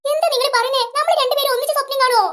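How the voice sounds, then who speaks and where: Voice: very high voice, fairly even intonation, racing, pushed and bright. A performer voicing a nagging mother in a comic family skit, scolding her children late at night. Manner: bossy, nagging.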